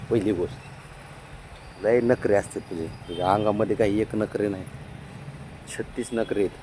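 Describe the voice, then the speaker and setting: A man's voice: fairly low pitch, normal speed, dark tone, slight background noise. A man, chatting casually to his dog on a home vlog, coaxing and scolding it with affection. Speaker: pet owner filming his dog. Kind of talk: casual vlog, talking to pets.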